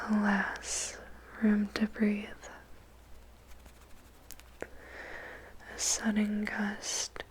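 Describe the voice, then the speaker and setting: A woman whispers a poem in ASMR style, phrasing it deliberately with dramatic pauses. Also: mid-range voice, rough recording. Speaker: ASMR performer reciting a poem. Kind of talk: whispered ASMR poetry recitation.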